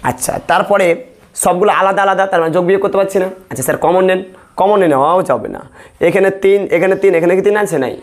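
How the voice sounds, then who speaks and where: This male math teacher speaks high and fast while running a class lesson. His questioning is repetitive call-and-response: he poses a question, then echoes the answer back step by step.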